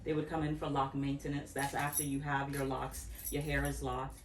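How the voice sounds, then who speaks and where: A woman in her fifties from Barbados talks reflectively at her home, drifting through restarts and asides. Her voice sits low, and she is recorded from a distance in an echoey room with faint background noise. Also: level tone, normal speed. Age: 50s. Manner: reflective, rambling with restarts and laughs. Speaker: interview guest, natural hair care practitioner. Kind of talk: casual interview talk. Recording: echoey room, far from the mic.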